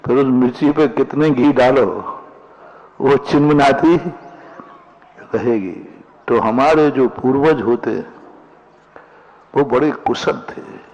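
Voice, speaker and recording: Man, Jain monk giving a sermon, unhurried delivery, acted quotes, dull lo-fi recording. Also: medium pitch, darkish tone. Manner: slow, storytelling discourse with acted quotes and folk sayings.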